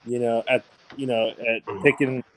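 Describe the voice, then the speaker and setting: A man's voice: mid-range voice, little pitch movement, moderate pace, fairly bright tone, a little hiss or hum. A man hosting a livestream, chatting casually about fishing in a rambling, laid-back way full of fillers. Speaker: livestream host.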